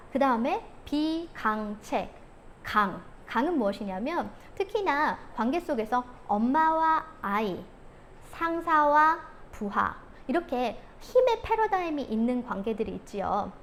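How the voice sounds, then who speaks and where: A woman giving a talk on parenting, who acts out scolding mothers in sharp outbursts. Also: on the high side, slight background noise. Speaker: parenting coach.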